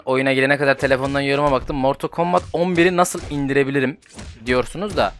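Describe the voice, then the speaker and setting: A man's voice: medium pitch, a bit bright, slight background noise. Slangy man commenting on a mobile game. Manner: slangy, swears, bursts of frustration. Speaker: gaming YouTuber.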